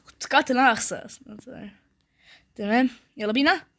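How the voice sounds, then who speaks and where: A young woman with an Egyptian Arabic accent giving live gameplay commentary, excitable and trash-talking in short bursts. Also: on the high side, brisk, vocal fry. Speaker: gaming streamer.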